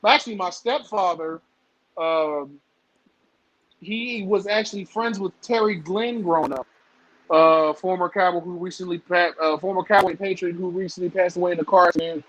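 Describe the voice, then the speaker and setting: High-voiced man in his thirties. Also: moderate pace, a bit bright, muffled recording. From southern United States. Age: 30s. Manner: rambling, lots of fillers, laughs often. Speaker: guest. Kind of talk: casual podcast chat.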